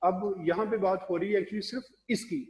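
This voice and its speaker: A man teaching English pronunciation in a recorded classroom lecture, explaining slowly and spelling words out letter by letter. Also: high-pitched, steady tone, darkish tone, roomy sound, long reverb tail, rough recording.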